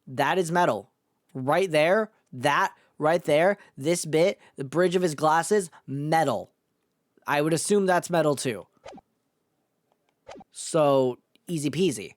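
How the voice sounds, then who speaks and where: A man's voice: a little high, animated, slow pace, no room sound. A man streaming a video game with casual, slangy commentary, muttering asides to himself. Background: music behind the voice.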